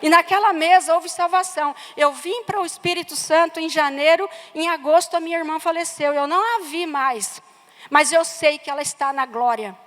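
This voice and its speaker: Preaching a sermon in a church sanctuary, a Brazilian Portuguese-accented woman shares a personal story and repeats herself for emphasis. She speaks at a moderate pace in a high-pitched, fairly bright voice, with the hall's reverb audible.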